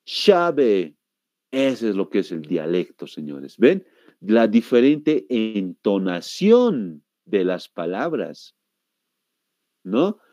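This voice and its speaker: A man with a Bolivian Spanish accent gives a classroom lecture, asking the class questions and answering them himself, and repeating words slowly to show how they are said. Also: on the low side, very animated, mellow, dry recording. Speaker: teacher.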